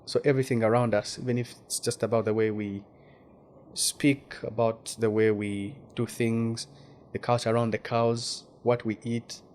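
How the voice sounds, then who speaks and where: A thoughtful guest journalist from Western Uganda speaks in a casual interview at a middle pitch, with a flat delivery, moderate pace and darkish tone. He repeats words and restarts phrases as he searches for what to say, over a faint background hiss.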